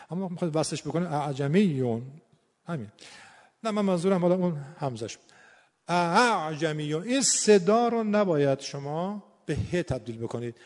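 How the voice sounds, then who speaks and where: A man's voice: on the high side, a little mellow. Man teaching recitation in a reverberant hall. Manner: explanatory, drawn-out demonstrations of sounds. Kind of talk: tajwid lesson on scoring recitation.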